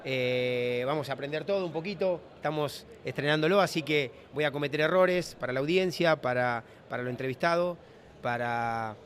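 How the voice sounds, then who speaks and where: Rambling host, slightly high voice. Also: male voice, moderate pace, a bit bright. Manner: loose, rambling, many restarts. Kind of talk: casual interview chat. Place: trade fair floor.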